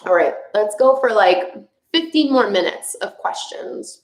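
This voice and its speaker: Answering viewers live on her channel, a young French-speaking yoga teacher from Quebec chats casually in a Quebec French accent, full of fillers and laughter. Her mid-range voice is animated and unhurried, and the room is reverberant.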